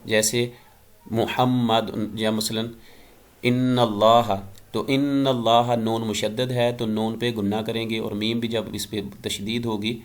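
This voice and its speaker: A man with a lowish voice teaches an exam-prep lesson on Arabic phonetics. He explains step by step and stretches out single letters and recited words so each sound comes through. His delivery is patient and measured. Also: flat delivery. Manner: explains slowly, drawing out letters and Quranic words to demonstrate sounds.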